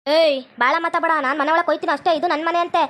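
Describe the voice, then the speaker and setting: A woman's voice: very high voice, steady tone, rapid-fire, a bit bright. A woman playing a coy man posing as a woman. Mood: defiant. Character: husband who acts and dresses as a woman.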